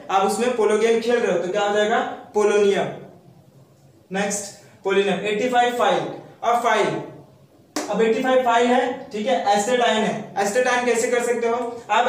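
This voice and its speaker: A man teaching memory tricks and asking questions he then answers himself, in a steady explaining manner. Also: high-pitched. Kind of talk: mnemonic lesson for students. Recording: very echoey room, mic far off.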